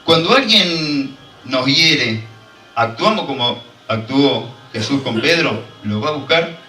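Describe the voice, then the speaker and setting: A man's voice: medium pitch, lively intonation, takes it slowly, sharp tone, roomy sound, recorded from a distance, faint music behind, low-quality recording. A man preaching a fervent sermon and drawing call-and-response from the congregation. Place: church hall.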